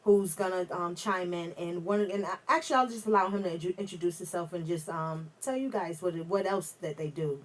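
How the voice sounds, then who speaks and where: A woman's voice: on the low side, brisk, hardly any pauses, rough recording. A woman who hosts a radio talk show from the studio. She chats casually and tells stories with animation, keeping the talk flowing. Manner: chatty, animated storytelling.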